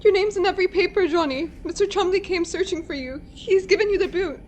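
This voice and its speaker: An actress playing a worried young pregnant working-class wife in an audio drama. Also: female voice, extremely high pitch, quick pace, darkish tone. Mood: distressed. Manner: anxious, tender, tearful. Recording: faint background noise.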